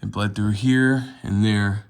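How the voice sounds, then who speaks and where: A man's voice: takes it slowly, smooth. A young man casually narrating a vlog, explaining repairs and chores. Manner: loud pitched-up dog commands; relaxed explaining tone. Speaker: vlogger.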